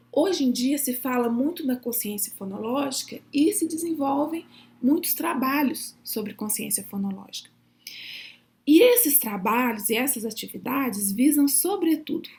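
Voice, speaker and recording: A woman's voice: a little high, darkish tone. A woman lecturer with a Brazilian Portuguese accent, giving an explanatory distance-learning lecture and often closing points with a tag question. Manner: pronounces example syllables and words slowly. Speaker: university lecturer.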